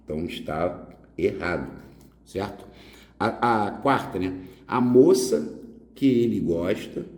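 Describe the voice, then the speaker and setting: A man's voice: lowish voice, animated, slow, long pauses, darkish tone. A man teaching a casual exam prep grammar lesson, explaining step by step and answering his own questions. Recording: echoey room with long reverb.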